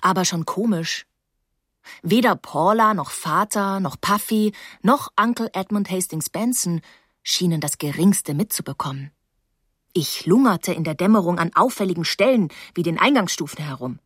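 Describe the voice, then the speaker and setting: A woman narrating a first-person novel as an audiobook, calm and wry. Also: lowish voice, moderate pace, slightly rough, dry recording, studio quality.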